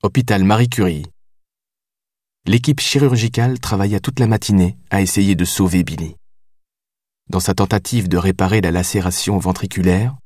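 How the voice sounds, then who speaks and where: Male audiobook narrator, low voice, measured and steady, in a dry close room. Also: no echo.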